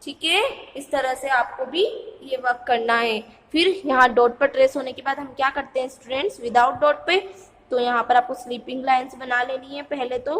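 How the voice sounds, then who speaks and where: A woman teaching young children to read letter sounds, calling herself ma'am and repeating each sound slowly in a sing-song drill. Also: high-pitched, steady tone, a bit bright, big-room sound, a little hiss or hum, poor audio. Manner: speaks of herself as ma'am in third person. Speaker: primary school teacher. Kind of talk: Hindi phonics lesson for young children.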